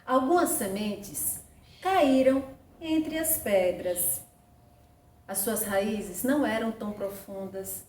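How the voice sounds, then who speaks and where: A woman telling a children's Bible story like a kindergarten teacher, in simple, deliberate phrases. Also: medium pitch, expressive, darkish tone. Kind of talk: children's Bible story narration with sung refrains. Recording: roomy echo, distant mic, faint noise.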